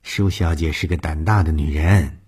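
A man's voice: rumbling low, moderate pace, darkish tone, breathy edge, exaggerated voice. A man voicing the mistress of a household, coaxing and insistent, in a storytelling reading. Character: scheming lady of the house, a woman.

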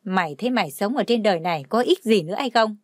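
A woman's voice: mid-range voice, lively intonation, quick pace, darkish tone, no room sound, clean studio sound, close to an everyday voice. A woman voicing a stern father who barks orders at his son. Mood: angry. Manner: barking orders. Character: stern angry father, harsh and commanding.

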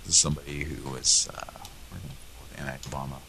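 A male host with a very low voice and a gravelly fry, leaning back and rambling through a live call-in show. He drifts in and out with fillers and small laughs, never hurried. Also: little pitch movement, bright, forceful tone, a little hiss or hum. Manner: laid-back, chuckling, trails off with fillers. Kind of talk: casual live prank-call show chat.

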